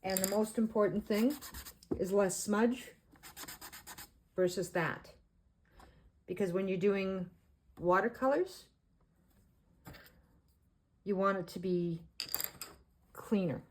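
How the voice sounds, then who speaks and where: A woman with a Canadian accent giving a casual art tutorial voice-over, talking in short, halting phrases with fillers. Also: medium pitch. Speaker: artist teaching beginners.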